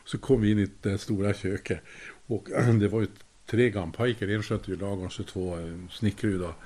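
A man's voice: on the low side, steady tone, warm tone. Older man telling a chuckling anecdote. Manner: chuckling, acts out quoted voices. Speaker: storyteller. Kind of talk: casual anecdote.

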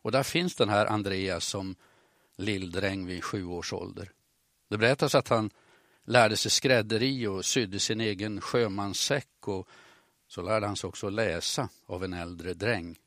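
A man with a northern Swedish accent talks on the radio in a low, unhurried voice. He explains things patiently, like a storyteller. The recording is close and dry, with no room sound. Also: fairly bright tone, dry recording. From Norrland, northern Sweden. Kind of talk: radio talk on language and family history.

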